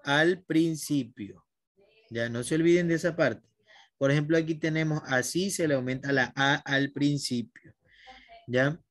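A man's voice: on the high side, measured pace, a bit bright, no room sound, clean studio sound. A man teaching a language class online, patiently guiding his students by name.

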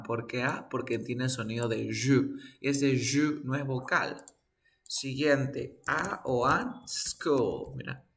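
A man teaching an online class, speaking slowly and patiently, stopping often to ask his students questions. His voice is bright and forward, and the sound is a plain video-call recording. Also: mid-range voice, vocal fry. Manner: slow, patient explaining with frequent questions to students. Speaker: English teacher. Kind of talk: online class taught in Spanish.

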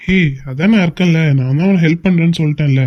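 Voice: medium pitch, fast, dull audio, soft background music, lightly acted. A voice actor playing a kind, reassuring young man. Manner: soothing, reassuring. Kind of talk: cartoon voice acting.

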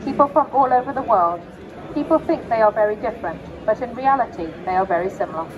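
A synthetic female humanoid robot voice answering questions in formal, measured sentences without contractions. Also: fairly high pitch, lively intonation, dull audio. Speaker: interviewee. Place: busy tech expo hall. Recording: loud crowd and music behind.

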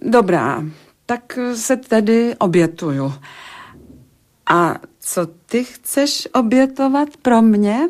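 A woman's voice: fairly high pitch, animated, natural voice. A woman playing a wry, sceptical woman. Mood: sardonic. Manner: dry, sceptical, colloquial. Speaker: actor in radio drama. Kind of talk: Czech radio play acting.

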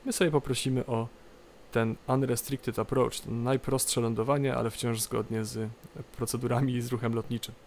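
A man with a gravelly edge narrates a game tutorial off the cuff. He explains haltingly, repeating phrases, over faint noisy cockpit ambience. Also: mid-range voice, steady tone. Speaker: tutorial presenter. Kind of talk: unscripted game tutorial commentary. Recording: light background noise, game cockpit ambience. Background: flight simulator cockpit ambience.

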